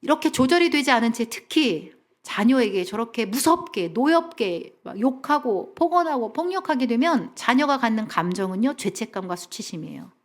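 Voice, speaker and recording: A middle-aged woman counselor giving a lively seminar talk in a church. She has the audience repeat phrases after her and drops to a soft whisper for emphasis. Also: on the high side, moderate pace, hardly any pauses. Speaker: family counselor, guest speaker.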